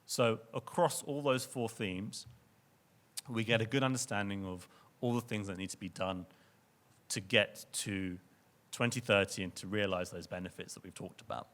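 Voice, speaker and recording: A man's voice: on the low side, normal speed, fairly bright tone. A young man giving a conference presentation to an audience in a lecture venue, speaking earnestly and often restarting or repeating words.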